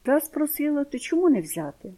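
A woman voicing a shy, proud small village boy, speaking higher and more eagerly than her narration. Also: big pitch swings, brisk, mellow. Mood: pleading.

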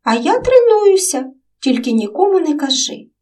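A woman's voice: sits high, sing-song, normal speed, darkish tone, distant mic, voice pushed up. A woman doing an eager young boy. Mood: earnest. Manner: earnest, eager, a bit shy. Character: earnest young boy, dreams of saving the world.

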